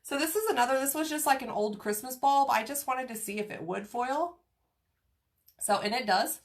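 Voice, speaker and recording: A woman's voice: high voice, normal speed. A woman from Kansas getting over a cold, with a nasal, scratchy voice, chatting casually while doing crafts on a livestream and greeting viewers by name. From Kansas, USA.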